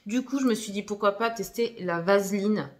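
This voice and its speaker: At home, a young woman vlogger talks through her shopping haul in a medium-pitched voice at a normal speed. Her chat is casual and packed with fillers, punctuated by small laughs and giggly asides.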